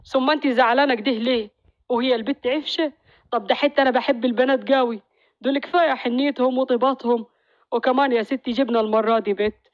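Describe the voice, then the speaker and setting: A woman voicing a gentle, teasing young village husband and father. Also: fairly high pitch, steady tone, quick pace, no echo, dull audio, lightly acted. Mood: reassuring. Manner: teasing, reassuring.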